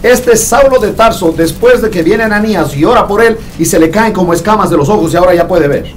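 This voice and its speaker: Man, pastor, casual sermon delivery, somewhat high voice, recorded from a distance with faint room noise. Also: quick pace. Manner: conversational, jokes with the congregation. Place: church hall.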